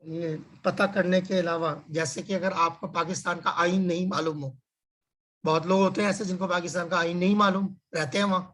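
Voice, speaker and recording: A man's voice: high voice, steady tone, fairly bright tone. A man teaching a religious scripture class over a video call, explaining with everyday examples and rhetorical questions. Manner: frequent filler phrases and restarts, slows to stress key words. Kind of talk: conversational religious lecture.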